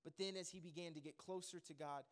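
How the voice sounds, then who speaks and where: A fast-talking man with a high voice preaches to his congregation, keeping things lively and full of jokes. He drifts off on tangents, with fillers and restarts, before steering back on track.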